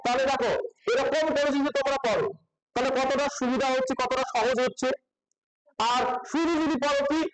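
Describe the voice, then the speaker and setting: A man's voice: very high-pitched, moderate pace, low-quality recording. A man teaching a grammar lesson to a class in style speech, constantly asking questions and repeating the answers.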